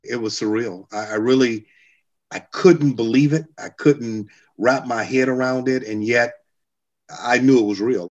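A man's voice: mid-range voice, fairly even intonation, unhurried. A middle-aged or older man giving personal recollections in an interview. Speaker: interviewee recalling his grandmother. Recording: slightly dull interview audio.

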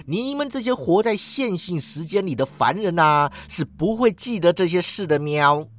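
A man's voice: high-pitched, lively intonation, normal speed, fairly bright tone. A man voicing a smug meowing orange cat. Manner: ends lines with a meow, drawling. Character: smug lazy male talking orange cat.

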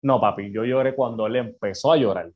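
A man's voice: mid-range voice, brisk. A man with a Puerto Rican accent co-hosting a casual podcast, swearing constantly and talking emotionally. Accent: Puerto Rican Spanish. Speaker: podcast co-host. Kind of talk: casual chat. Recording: slightly dull lo-fi audio.

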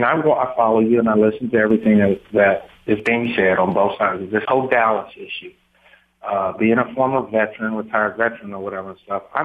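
Middle-aged male caller heard on speakerphone down a thin phone line, halting, restarts his sentences. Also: on the low side. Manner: hesitant, repeats words as he starts sentences. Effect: on speakerphone over a phone line. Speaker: radio show caller. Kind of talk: call-in talk radio.

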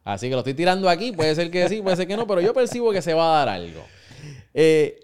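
A man hosting a podcast in a studio, upbeat and salesy, talking straight to his listeners and pitching to them. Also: sing-song, rapid-fire, clean tone. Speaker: podcast host. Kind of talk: energetic podcast host read and interview.

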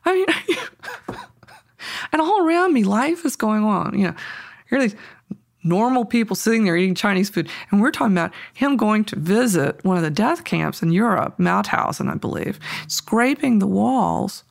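A woman's voice: mid-range voice, lively intonation, normal speed, gravelly. A woman on archival tape recounting a personal memory, vividly acting out both sides of a conversation, with faint music underneath.

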